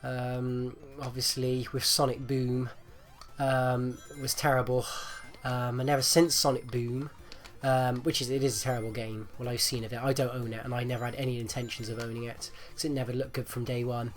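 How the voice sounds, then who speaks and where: His voice sits at medium pitch with little pitch movement and a normal speed. The man, a gaming video host recovering from flu, sounds phlegmy with a rattly, congested chest, and his casual commentary is hesitant, rambling, and repetitive.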